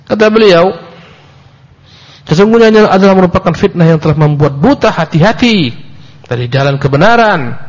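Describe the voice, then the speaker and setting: A male preacher giving a sermon-style book lecture, reciting Arabic and explaining it in Indonesian, emphatic and repetitive, rising sharply for emphasis. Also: husky. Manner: emphatic, rises sharply in pitch for emphasis, repeats phrases. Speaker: Islamic preacher. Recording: dull lo-fi lecture recording.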